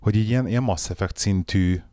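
Deep-voiced Hungarian man, English-accented titles. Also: mellow, no room sound, clean studio sound. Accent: English-tinged when saying English titles in Hungarian. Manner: switches into English pronunciation for names and titles. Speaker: podcast co-host. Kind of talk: casual chat.

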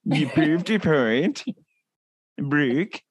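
A man co-hosting a comedy podcast, trading dry jokes and quick banter in casual chat. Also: a little high, animated, breathy edge, no room sound. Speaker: podcast co-host.

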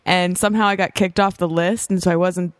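A woman's voice: on the low side, fairly even intonation, a little fast, dry recording. Hungover woman in casual chat. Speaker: podcast co-host and amateur comic.

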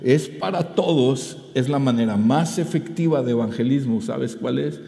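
A male pastor delivers a sermon in a mellow, warm voice. His delivery is animated, climbing to emphatic peaks before settling back. The sound is roomy, with a long hall reverb trailing his words. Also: medium pitch, moderate pace, vocal fry. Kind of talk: preaching a sermon.

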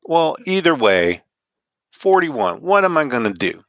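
Gravelly, animated man in his forties. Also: fairly high pitch, measured pace, no room sound, lo-fi sound. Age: 40s. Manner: laughing, self-mocking, quotes himself in put-on voices. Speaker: podcast co-host. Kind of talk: casual chat.

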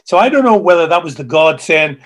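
Halting man telling stories. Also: fairly high pitch, sing-song, slight background noise. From Ireland. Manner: halting, repeats words, storytelling. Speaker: guest musician. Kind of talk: casual interview chat. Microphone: video call.

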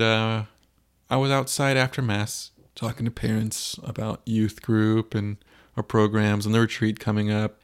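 Man, gravelly voice, lowish pitch, casual podcast chat, rambling storyteller. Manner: rambling storyteller, many fillers. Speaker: podcast co-host and youth minister.

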